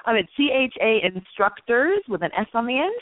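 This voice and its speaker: A woman's voice: on the high side, very animated, brisk, dry recording. A woman calls in to a radio show and tells stories with an easy, chatty flow, often laughing at herself. Her voice comes through a thin, tinny phone line. The sound is dry. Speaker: guest from an instructors' association. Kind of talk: casual radio chat.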